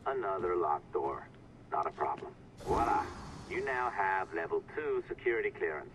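An actor playing a secretive male IT hacker who guides the player over a communicator with sly, smooth instructions. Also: deep voice, animated, moderate pace, noisy background.

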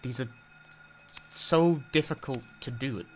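A man's voice: medium pitch, unhurried, slight background noise. A man giving casual, rambling commentary during a game stream, full of "like" and swearing. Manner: rambling, self-mocking, swears, frequent "like". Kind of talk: casual live-stream commentary while gaming.

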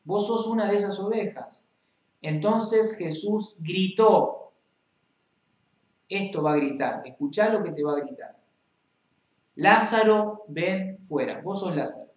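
Rioplatense man preaching in an echoey room. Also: a little high. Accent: Rioplatense Spanish. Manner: reads scripture then preaches directly to the listener. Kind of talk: Bible reading and preaching.

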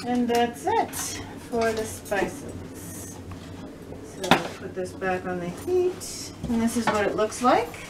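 Slow, chatty woman cooking in her kitchen. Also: fairly high pitch, lively intonation, heavy background noise. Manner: chatty, walks through each step aloud. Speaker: cooking show host. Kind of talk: casual cooking demonstration. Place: home kitchen, indoors. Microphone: camera a few feet away. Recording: distant camera mic with kitchen clatter.

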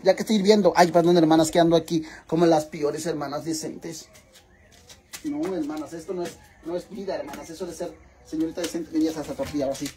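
In a casual cooking vlog, a man with a Mexican accent talks dramatically and chattily, swearing freely and calling his viewers sisters again and again. His voice is a little high and mellow, steady in tone and quick in pace, with a slight hiss or hum.

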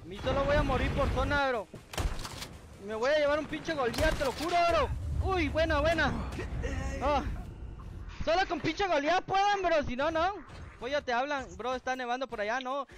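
A man's voice: extremely high pitch, normal speed, noisy background. A man, chatting casually while streaming a game and reading out viewers' names. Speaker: gaming streamer. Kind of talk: casual live-stream gameplay chat. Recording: game music clearly heard behind. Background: game music.

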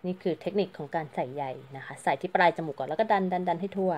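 A woman's voice: lowish voice, racing, a little mellow. A woman giving a casual, chatty crochet tutorial, counting stitches aloud and explaining each step politely. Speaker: crochet teacher.

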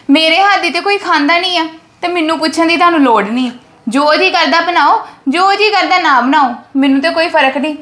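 High-pitched woman griping and scolding in a family skit. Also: fairly bright tone. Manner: complaining, scolding. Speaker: actor playing a resentful daughter-in-law. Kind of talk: family drama skit acting.

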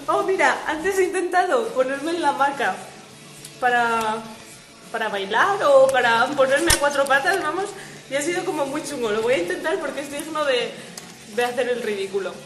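A woman's voice: high voice, animated, moderate pace, roomy sound. A woman with a Spain Spanish accent hosting a casual livestream chat from a hammock at home, talking into her phone, reading viewer comments and laughing often. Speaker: livestream host. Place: at home lying in a swaying hammock.

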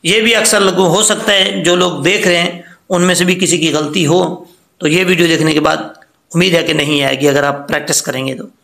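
A man teaching Quran reading, patiently spelling out syllables and slowly chanting the words. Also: on the high side, steady tone, vocal fry, bright, forceful tone, reverberant.

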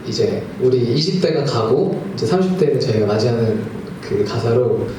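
A man's voice: medium pitch, normal speed, background noise. A man in his thirties, a singer-songwriter talking in a friendly, slightly nervous way with his audience between songs. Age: 30s. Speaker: singer-songwriter performing live. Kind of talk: stage banter between songs. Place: small live music club. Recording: echoey live club, distant mic, music behind.

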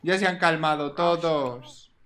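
A man commentating a life-simulation game, expressive and exclaiming, often scolding the characters. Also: fairly high pitch, slow, a crowd in the background. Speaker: gaming YouTuber. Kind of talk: Sims let's play commentary.

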